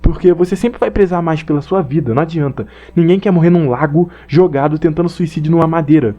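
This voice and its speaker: Reading partly from notes, a young man with a Brazilian accent rambles casually and with plenty of slang about his take on an anime. The sound is lo-fi, and his voice is fairly high and quick.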